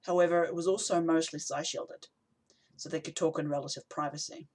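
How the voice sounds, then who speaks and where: Brief: male audiobook narrator, steady and even scripted reading. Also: on the high side, brisk, poor audio.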